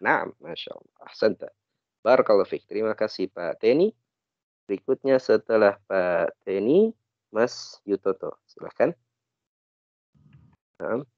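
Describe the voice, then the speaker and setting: A man's voice: on the low side, animated, a little slow, long pauses, dry recording, lo-fi sound. A man with an Indonesian accent teaching an online Arabic class, patiently correcting and translating phrases.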